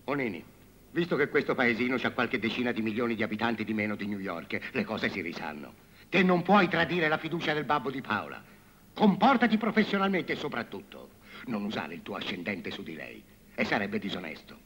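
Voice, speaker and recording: An actor playing a bossy middle-aged parish priest, admonishing in a film comedy. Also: male voice, on the low side, very animated, a little fast, fairly bright tone, slight background noise. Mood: grave admonishing.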